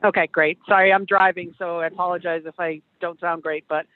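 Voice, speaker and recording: A woman board member calling in on a speakerphone from her car while driving. She asks her questions politely, pausing often to find her words. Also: lowish voice, fairly even intonation. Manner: polite, hesitant, many filler pauses. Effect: car speakerphone call while driving. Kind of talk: remote meeting questions. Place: in a moving car. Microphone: phone speakerphone. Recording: tinny dry phone line from a car.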